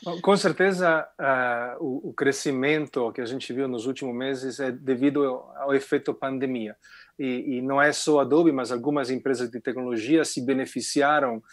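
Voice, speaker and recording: A man's voice: medium pitch, steady tone, moderate pace, no room sound, studio quality. A man from Italy speaking with an Italian accent, explaining his views as a panelist on a video call. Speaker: panelist, tech executive.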